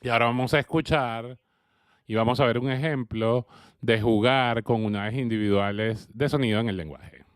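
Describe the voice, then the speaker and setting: A man interpreting an early childhood education lecture, speaking slowly and haltingly with frequent fillers. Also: medium pitch, smooth, dry recording, clean studio sound. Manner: hesitant, with frequent fillers and uneven pace.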